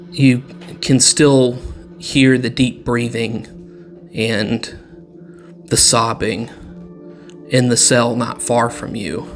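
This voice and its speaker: A man narrating a tabletop game as dungeon master in a slow, deliberate storytelling manner. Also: medium pitch.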